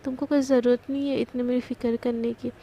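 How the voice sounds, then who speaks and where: A prickly, stern young lady boss, voiced by a woman narrating. Her voice is high and gravelly with a dark, mellow tone and flat, clipped delivery, a faint hum behind it. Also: fairly quick, lightly acted. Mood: irritated. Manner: snappish, dismissive.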